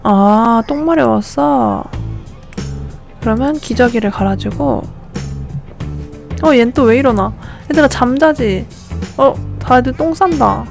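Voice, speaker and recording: A woman with a fairly high voice talks through her game in casual commentary. She fusses, exclaims and coaxes as she plays, and faint game music sits under her voice. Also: takes it slowly, gravelly, pauses often. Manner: fussing, exclaiming, coaxing sleepy babies. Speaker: gameplay streamer.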